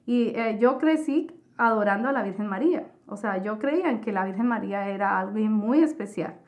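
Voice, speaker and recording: A woman giving a personal religious testimony, retelling her story in an earnest, halting way. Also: medium pitch. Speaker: testimony giver.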